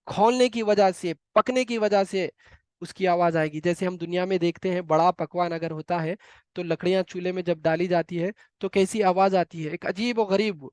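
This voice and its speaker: A man teaching a Quran lesson over a video call, earnest and vivid, dropping to a hushed murmur for pious phrases. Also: high voice, no room sound, clean studio sound.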